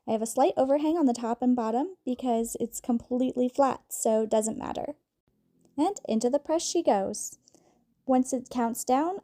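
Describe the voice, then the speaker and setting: Upbeat woman with a mellow voice. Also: a little high. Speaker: crafting tutorial host. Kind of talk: scripted voice-over tutorial.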